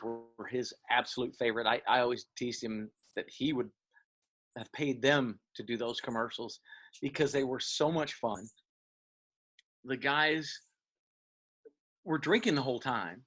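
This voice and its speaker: A man, talking as an interview guest and reminiscing in a halting way, with many fillers and restarts. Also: medium pitch, fairly bright tone. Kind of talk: casual interview.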